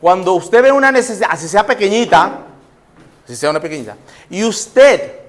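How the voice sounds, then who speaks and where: High-voiced Nicaraguan pastor preaching. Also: male voice, a bit bright. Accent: Nicaraguan Spanish. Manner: conversational, acting out scenes, rhetorical questions. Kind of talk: sermon.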